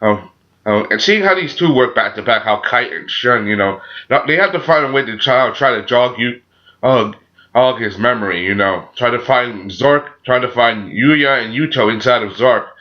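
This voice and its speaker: Halting man with a sore throat, muffled audio. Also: mid-range voice. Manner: halting, repeats phrases, frequent "you know". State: sore throat, a little sick. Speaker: anime review channel host. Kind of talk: casual unscripted episode review.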